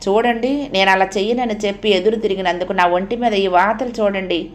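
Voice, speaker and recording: A woman's voice: medium pitch, fairly even intonation, lightly acted. A woman doing a tearful pleading young maid. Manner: pleading, sobbing, slow. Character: humble weeping young maid, wife.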